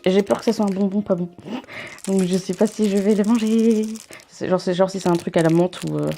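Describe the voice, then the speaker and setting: A woman's voice: mid-range voice, dark tone, slight background noise. A young woman vlogging an unboxing at home into a camera mic, chatty and rambling with self-mocking asides. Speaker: vlogger unboxing a subscription box. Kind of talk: casual unboxing chat.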